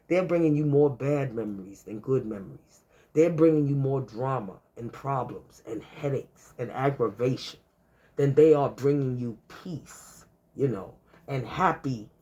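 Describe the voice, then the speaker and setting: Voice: medium pitch, warm tone. A speaker in their fifties giving casual life advice to camera, talking conversationally, repeating points and stacking long lists of examples. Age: 50s. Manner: conversational, repetitive, peppered with "you know". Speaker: advice vlogger.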